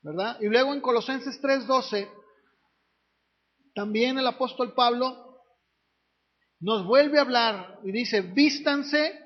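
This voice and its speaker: Man, pastor, sermon, high-pitched, muffled recording. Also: takes it slowly, long pauses. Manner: conversational, asks the congregation questions. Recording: dull lo-fi recording.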